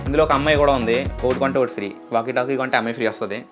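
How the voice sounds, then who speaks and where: Loud music runs under this recording of a male video host from India. In a mid-range voice, he races through a casual, explanatory unboxing and product demo.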